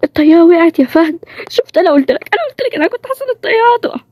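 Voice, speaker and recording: A woman voicing a sharp-tongued young heroine with an Egyptian accent, in a bantering, higher-pitched way. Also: steady tone, rapid-fire, dry recording, lo-fi sound. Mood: worried. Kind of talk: storybook role-play series.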